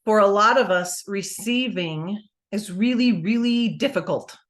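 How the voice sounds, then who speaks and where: A woman giving an energetic, emphatic motivational talk on a group call, asking her listeners questions. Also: mid-range voice, measured pace. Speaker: motivational speaker.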